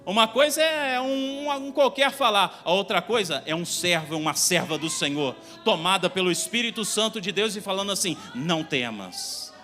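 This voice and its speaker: A male pastor with a Brazilian Portuguese accent delivers a fervent sermon, hammering the same phrases and rising into shouts. His voice sits very high for a man and rings sharp and forceful. It carries a long church reverb over faint music. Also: moderate pace, hardly any pauses. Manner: fervent, repetitive preaching that builds to shouted peaks. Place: church sanctuary.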